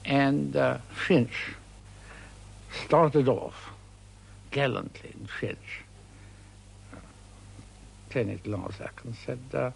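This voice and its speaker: An older man telling an anecdote in an interview, halting and hesitant, with a gravelly voice. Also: mid-range voice, a little hiss or hum, poor audio. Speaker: interviewed veteran. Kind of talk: archival interview recollection.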